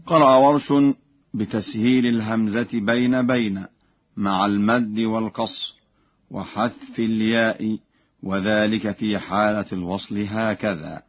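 A man teaching Quran recitation rules in a measured, explanatory way, chanting short examples. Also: on the low side, steady tone, breathy edge, dry recording, muffled recording.

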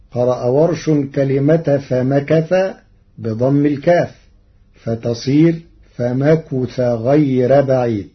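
A man presenting a formal scripted lesson on reading variants, measured and deliberate, slowing to intone the quoted verses. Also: mid-range voice, slightly rough, highs cut off.

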